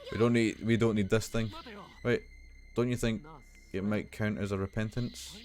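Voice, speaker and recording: A man, chatting casually and swearing as he plays a horror game and reads its text aloud. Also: on the low side. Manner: swears freely, reads text in a slow monotone. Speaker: streamer playing a horror game. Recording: dull lo-fi stream audio with faint game music.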